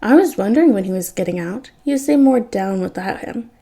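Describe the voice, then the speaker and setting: A woman reading fan fiction aloud, voicing a laid-back female villain with a slow drawl. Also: mid-range voice, expressive, mellow, breathy edge. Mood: dry.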